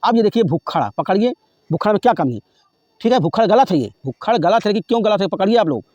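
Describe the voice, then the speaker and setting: A man teaching an exam-prep grammar lesson at a rapid clip, his voice pitched high. He repeats each word several times and keeps checking in with his listeners, clearing his throat now and then. The sound is close and dry, with no room around it. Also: expressive, a little mellow, dry recording, dull audio. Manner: repetitive, drills spellings and says "ठीक है" often.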